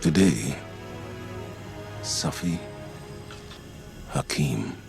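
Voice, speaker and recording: A man playing a weary, remorseful veteran commander in a video game, solemn and measured, with halting, dignified delivery. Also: extremely low pitch, expressive, gravelly, heavily acted. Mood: weary, accepting. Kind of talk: dramatic video game acting. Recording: cinematic music behind. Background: music.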